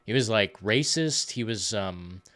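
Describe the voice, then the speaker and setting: A man hosting a live stream, chatting casually about films in a rambling, profane, excitable way. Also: fairly low pitch, a little slow.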